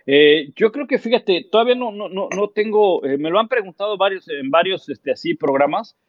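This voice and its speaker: Animated sportscaster telling anecdotes. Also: male voice, sits high, normal speed, dry recording, highs cut off. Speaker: sports commentator guest. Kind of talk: casual interview storytelling.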